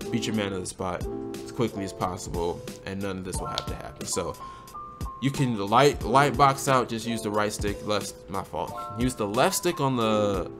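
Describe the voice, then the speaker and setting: A man whose fairly low voice is slightly hoarse from a cold hosts a channel, giving a relaxed, conversational game tutorial. He often tacks on "right?", and music plays beneath his voice.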